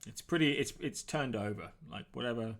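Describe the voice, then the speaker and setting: A man with a medium-pitched voice runs a tabletop role-playing game, describing things as game master in a conversational, improvised manner that halts often.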